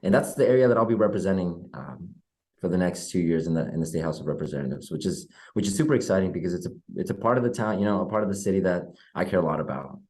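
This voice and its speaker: Young man from oklahoma, guest, video call, friendly with fillers, lowish voice. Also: fast, a little mellow. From Oklahoma, USA. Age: young adult. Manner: friendly, filler-heavy, easygoing. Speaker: guest, politician. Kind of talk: casual video-call interview. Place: bedroom at home.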